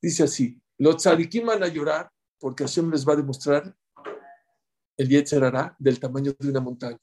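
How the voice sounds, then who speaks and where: A man giving a Torah class, animated, talking straight to his listeners and acting out quoted voices with big swings in pitch and loudness. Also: moderate pace. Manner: speaks directly to listeners, acts out quoted voices. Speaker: rabbi teaching a Torah class.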